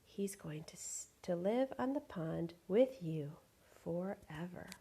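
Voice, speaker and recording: A woman reading the lines of a quiet, gentle girl in a storybook. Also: medium pitch, animated, fairly quick.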